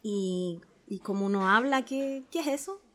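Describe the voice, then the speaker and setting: A woman playing a naive middle-aged gentleman who gushes with wonder as he repeats his lessons, in a dramatic reading. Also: medium pitch, animated, unhurried, background noise, lightly acted. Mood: insistent. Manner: gushing, repeats sounds with wonder. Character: naive middle-aged male social climber, eager. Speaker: reader playing a pupil.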